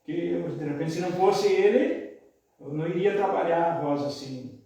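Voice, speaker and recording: A man's voice: on the high side, moderate pace, dark tone, muffled recording. A middle-aged man, a radio announcer and singer, telling rambling, folksy anecdotes in casual podcast conversation. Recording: echoey room, mic at a distance.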